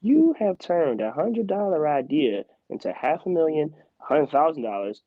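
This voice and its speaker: A young man in his twenties from Philadelphia, a guest in a casual interview, telling stories in an animated, emphatic way. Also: a little high, moderate pace, dry recording. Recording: slightly dull, muffled sound.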